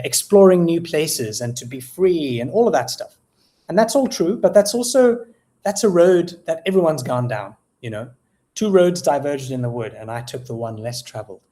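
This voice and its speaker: A South African guest poet talks through his craft in a casual interview, thinking aloud. His voice is a typical middle male pitch with a darkish tone, and he speaks reflectively, pausing often to find words and using plenty of fillers.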